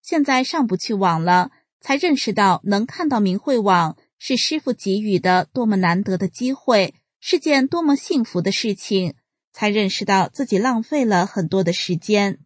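A woman reading a published article aloud in a measured, even, announcer-like delivery. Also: medium pitch, slightly rough, no room sound. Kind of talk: scripted reading.

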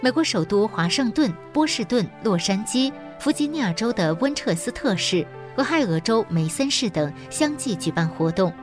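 A woman anchoring a news program, announcing the stories with lively intonation. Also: mid-range voice, moderate pace, hardly any pauses, music in the background. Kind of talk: scripted news narration.

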